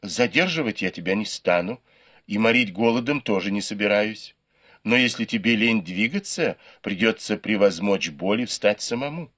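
A man's voice: lowish voice, expressive, moderate pace, a bit bright. A man reading the part of a pampered, teasing young nobleman in a storybook. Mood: coaxing. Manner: coaxing, teasing.

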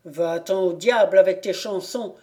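Woman putting on a shouting blacksmith, rough, threatening, loud barks, darkish tone. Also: high-pitched, normal speed, close to an everyday voice. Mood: furious. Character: furious burly young blacksmith.

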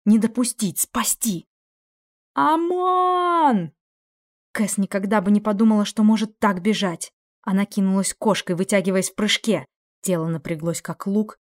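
A woman's voice: mid-range voice, a little mellow. A woman narrating a dramatic fantasy audiobook expressively, acting out the dialogue. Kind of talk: dramatic fiction reading.

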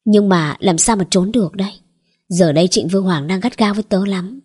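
A woman reading an audiobook, voicing a gentle young woman who soothes her little brother in a soft voice. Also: medium pitch, brisk, breathy edge, natural voice. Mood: worried. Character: gentle protective young woman, older sister.

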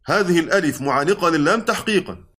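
A man's voice: on the high side, expressive, fast, fairly bright tone. A man with an Egyptian Arabic accent teaches a class, his voice sitting a little above the usual male range. He explains patiently, one step at a time, and keeps asking whether everyone has understood before he moves on. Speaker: Quran recitation teacher. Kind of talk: classroom lesson explaining text.

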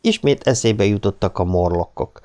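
A man reading an audiobook in an expressive, dramatic storytelling manner. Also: fairly low pitch. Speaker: audiobook narrator. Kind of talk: scripted narration.

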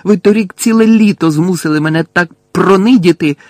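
A man reading an audiobook, voicing an angry, grieving teenage boy wizard who shouts, his voice cracking. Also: sits high, brisk, dry recording, soft background music, pitched above the performer's own voice, lightly acted. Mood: furious. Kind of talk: audiobook character voice.

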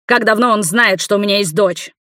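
A woman voicing a distraught man with a weak heart, shouting in slow, heavy anguish in an audiobook. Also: medium pitch, dry recording, clean studio sound, pitched above the performer's own voice, close to an everyday voice. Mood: angry phone rant.

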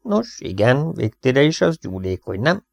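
A man's voice: medium pitch, big pitch swings, vocal fry, a little mellow, dry recording, clean studio sound, voice pushed up. A man reading the part of an easygoing, careless young man with a breezy, offhand way of talking, in a storybook reading.

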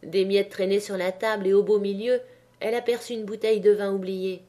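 A woman's voice: mid-range voice, level tone, brisk, warm tone. Woman reading a classic novel aloud. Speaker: audiobook reader. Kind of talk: audiobook narration of a classic novel.

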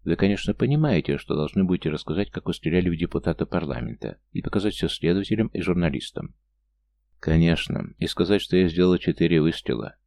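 Male narrator, very low voice, gravelly, dark tone, steady restrained thriller reading. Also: fast. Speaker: audiobook narrator.

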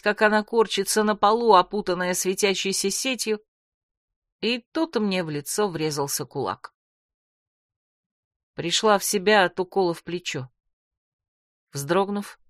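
A woman narrating a first-person fantasy audiobook with dramatic, expressive storytelling. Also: on the low side, dry recording, clean studio sound.

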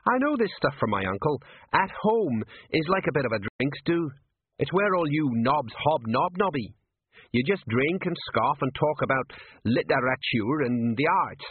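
A man puts on a fairly high voice, above his natural one, to play an aging, worried watch sergeant who rambles in folksy working-class talk with a scheming edge. He's very animated at a moderate pace. The recording is dry, tinny and husky, like phone audio.

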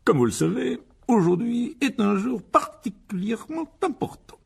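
A blustering middle-aged uncle barks orders in a high, swaggering storybook voice, put on by a man reading aloud. He sounds smug and bossy, with a husky, gravelly edge. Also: big pitch swings, moderate pace, full character voice. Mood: pompous. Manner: bossy, loud, self-satisfied.

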